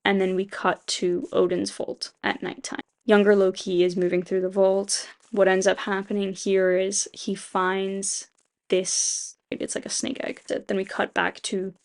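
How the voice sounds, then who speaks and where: Woman rambling thru a story she wrote, lots of likes n restarts, swears casually, regular mid pitch. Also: completely flat delivery, a little slow, creaky. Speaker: video creator. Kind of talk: casual retelling of a fan rewrite.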